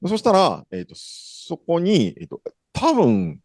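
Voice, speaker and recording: A man's voice: fairly high pitch, huge pitch swings, slow, a little mellow, slightly rough, no echo, clean studio sound. A man hosting a conference keynote, introducing the speaker in a chatty, rambling way with many fillers and self-corrections. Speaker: event host. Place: conference hall.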